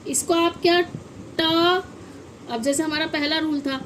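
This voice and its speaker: A high-voiced woman runs a phonics lesson, taking her time as she spells each word out letter by letter. She keeps asking the children what a word says, then answers herself. A faint hiss of background noise sits under her voice. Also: steady tone, takes it slowly. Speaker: English phonics teacher. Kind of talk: classroom-style phonics lesson.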